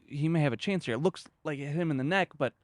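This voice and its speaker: A man's voice: a little high, fast talker, dry recording, studio quality. A man interviewing someone in a conversational way, with short emphatic phrases and pointed questions.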